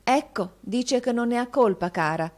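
A woman's voice: mid-range voice, very animated, normal speed, darkish tone. A woman voicing a spiteful, teasing young woman who needles and mocks. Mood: mocking. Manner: mocking, needling.

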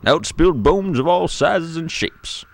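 A man's voice: on the high side, lively intonation, a little slow, gravelly. A man playing an old grandfather who tells a spooky tale to a grandchild in a playful, dramatic way. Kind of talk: storybook read-aloud.

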